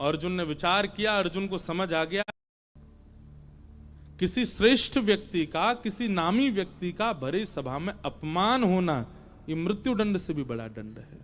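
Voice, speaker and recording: A man telling scripture stories in a devotional sermon, animated and dramatic, and he chants the verses. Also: high-pitched, a little slow. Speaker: devotional storyteller preacher.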